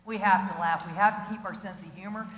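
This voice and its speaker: A middle-aged woman giving a comic keynote talk, chatty and animated, asking the audience questions and laughing at her own jokes. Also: mid-range voice, fast talker. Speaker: keynote speaker. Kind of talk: stand-up style comic keynote. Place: large conference hall. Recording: echoey hall with faint noise.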